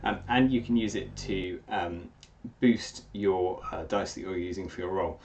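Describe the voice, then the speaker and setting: A man with a fairly low voice walks through game rules, pausing often with ums and uhs. He sounds casual and unscripted. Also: fairly even intonation, a little mellow, highs cut off, a little hiss or hum. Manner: halting, lots of ums and uhs. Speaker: player explaining rules.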